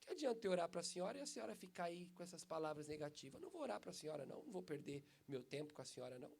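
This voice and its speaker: A stern, unbothered male pastor scolds bluntly in a high, clipped voice, voiced by a preacher. He sounds firm and matter-of-fact. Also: big pitch swings, racing, vocal fry, darkish tone, heavily acted.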